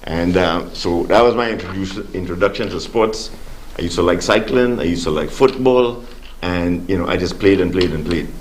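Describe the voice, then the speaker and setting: Speaking at a moderate pace in a low voice, this older Caribbean man born in Grenada talks through his life story as a studio guest. He's a sports official, and his relaxed interview answers are full of fillers. Slight background noise sits under the recording.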